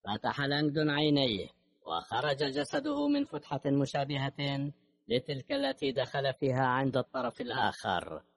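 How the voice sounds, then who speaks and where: A man narrating an audiobook novel in a steady, measured reading voice. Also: mid-range voice, vocal fry, a little hiss or hum. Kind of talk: scripted narration.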